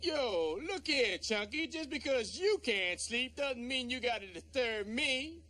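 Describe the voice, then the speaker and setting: A man's voice: very high-pitched, lively intonation, unhurried, sharp tone, slight background noise, full character voice. A man voicing a streetwise, cocky talking food item in a fridge, in a TV sitcom.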